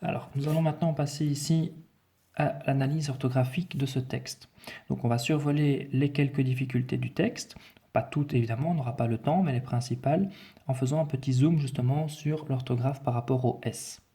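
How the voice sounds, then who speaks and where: Methodical man teaching spelling, mellow. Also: mid-range voice. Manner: methodical, spells out letters, repeats key points. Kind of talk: spelling lesson explanation.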